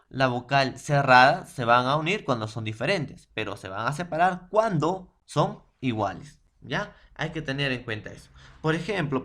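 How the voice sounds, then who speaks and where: A man's voice: medium pitch, fairly bright tone. A man from Peru teaching a secondary school language lesson, sounding out words syllable by syllable and asking his students "ya?" and "no?" to check they follow. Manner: slow, syllable-by-syllable spelling out of words, with frequent "¿ya?" and "¿no?" checks; poses questions and answers them himself. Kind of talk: classroom lesson.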